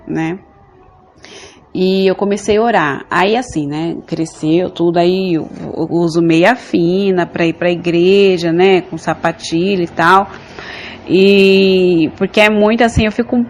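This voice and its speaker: A woman's voice: mid-range voice, normal speed, a little hiss or hum. Brazilian woman telling her church testimony, earnest, keeps saying brothers and sisters. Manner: earnest, repetitive, addresses listeners as brothers and sisters. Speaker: church member giving testimony. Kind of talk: religious testimony.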